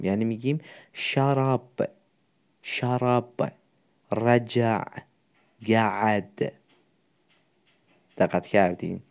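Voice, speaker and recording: A man with a low, mellow voice talks students through a lesson in a relaxed, familiar way. He repeats word forms slowly to drill them in, and his explanations sound like chatting rather than lecturing. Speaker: Arabic teacher. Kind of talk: casual video lesson.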